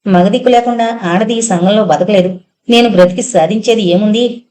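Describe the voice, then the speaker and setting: A despairing young woman, as a woman narrator reads her part, hopeless and pleading in an audiobook. The tone is mellow and soft. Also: medium pitch, normal speed, natural voice.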